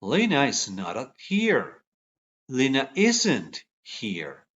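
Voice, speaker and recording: Slow, lively male English teacher. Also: medium pitch. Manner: drills English phrases in a lively up-and-down voice. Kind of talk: slow, deliberate language lesson. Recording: dull lo-fi sound.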